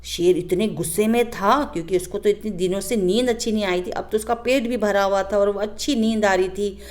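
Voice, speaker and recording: A woman teacher explaining a children's story lesson with animated storytelling, turning often to ask her pupils questions. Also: medium pitch, brisk.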